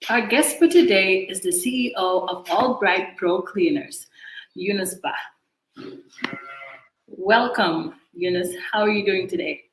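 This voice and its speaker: A woman of average pitch hosts an interview show, greeting her guest and asking him questions. She sounds friendly and uses a few fillers. The sound is echoey, as if in a reverberant room. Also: unhurried. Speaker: host. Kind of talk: interview hosting.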